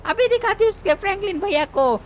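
A woman's voice: very high voice, animated, a little fast, very noisy. A woman voicing a menacing female ghoul who lures a child with false sweetness, in a game role-play. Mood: gloating. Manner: falsely sweet, then gloating.

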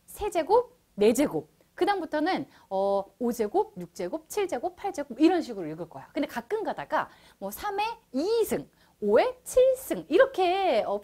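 Chatty woman math teacher, very lively. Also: high voice. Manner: chatty, playful, addresses students directly. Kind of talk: online lecture to middle schoolers.

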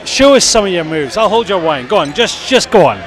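A man's voice: sits high, sing-song, brisk, music in the background. A man in his forties working as an interviewer, chatting casually on location. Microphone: handheld shotgun microphone. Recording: busy bar crowd noise behind.

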